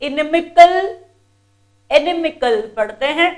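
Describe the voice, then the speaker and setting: A woman teacher with a high, expressive voice talks slowly through an exam-prep vocabulary lesson. She calls her students children and drills each word over and over, patient and repetitive.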